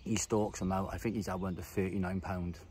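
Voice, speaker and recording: Talking fairly quickly in a low-pitched voice with little pitch movement, a thirtysomething angler gives casual commentary while fishing, in short chatty bursts. He's recorded outdoors on a wooded lake bank, where nature noise is clearly audible.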